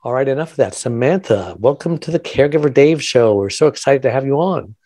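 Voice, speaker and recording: A man's voice: medium pitch, animated, fairly quick, dark tone, no echo, studio quality. A man hosting a radio-style podcast interview, talking in a chatty, upbeat promo patter. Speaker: podcast host.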